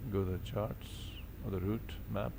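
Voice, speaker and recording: A man's voice: lowish voice, steady tone, moderate pace, creaky, background noise. A man streaming a flight simulator, casually talking himself through each step as he goes. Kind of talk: casual live commentary on own gameplay.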